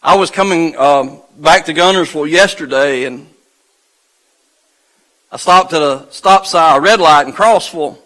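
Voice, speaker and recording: A man delivers a sermon from the pulpit, his voice high-pitched and bright. He speaks slowly and deliberately, leaning into pauses. The intensity climbs as he reads scripture aloud. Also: poor audio. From United States. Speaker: pastor. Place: church sanctuary. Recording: live church livestream.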